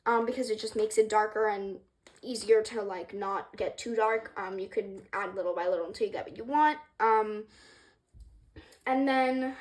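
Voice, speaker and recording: A young woman casually explaining a craft project, rambling and hesitant with many ums, apologizing for her stuttering, in a room with a wooden floor. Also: mid-range voice. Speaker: craft creator. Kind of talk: casual tutorial vlog.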